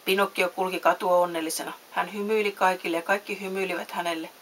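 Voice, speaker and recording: A woman's voice: fairly even intonation, rough recording. A woman reading a children's fairy tale aloud, lifting her voice for the characters' lines. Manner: reads voices with raised pitch and loudness. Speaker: storyteller. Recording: faint hiss.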